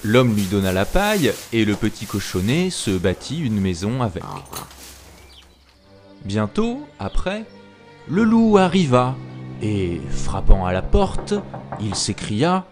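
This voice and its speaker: A man reading a children's fairy tale aloud, slow and expressive. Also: fairly low pitch, soft background music. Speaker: storyteller.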